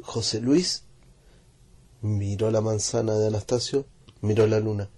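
Guy reading a kids story, slow and playful, warm husky voice. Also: fairly low pitch, steady tone. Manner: slow, playful, repetitive rhythm. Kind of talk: children's story narration.

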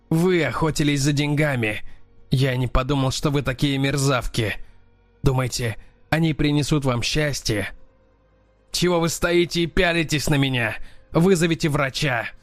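Hoarse strangled wounded guy begging for help, a narrator doing the voice, audiobook. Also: mid-range voice, moderate pace, no room sound, soft background music, close to an everyday voice. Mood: desperate. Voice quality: hoarse, strained. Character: wounded young man, desperate and pleading.

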